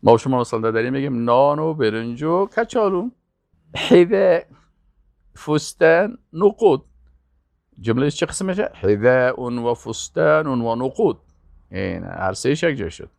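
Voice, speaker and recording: Lively male Arabic teacher. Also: mid-range voice, vocal fry, no room sound, studio quality. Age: older. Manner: pronounces each word slowly and loudly, then quickly explains. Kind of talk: classroom vocabulary lesson.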